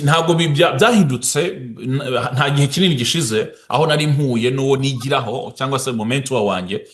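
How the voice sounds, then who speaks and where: A man who speaks and interprets, talking fast and often stopping to restart his words. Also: mid-range voice.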